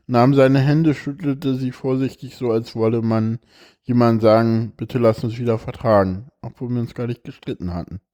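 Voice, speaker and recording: A tired man hosts a podcast, his speech halting and full of fillers as he reads a text aloud with feeling. His voice is warm and mellow, at a middling pitch. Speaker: podcast host. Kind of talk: casual podcast chat and reading aloud.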